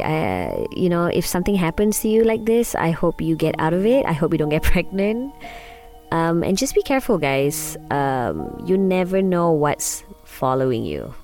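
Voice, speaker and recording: A young woman, hosting a storytelling podcast and telling a personal story in an animated, casual way. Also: lowish voice, moderate pace. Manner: animated, addresses listeners as guys. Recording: music playing behind.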